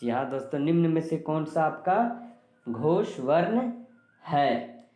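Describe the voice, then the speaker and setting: A man's voice: a little high, takes it slowly, warm tone, reverberant. A male teacher giving an exam-prep grammar lesson, asking and answering his own questions with frequent "ठीक है".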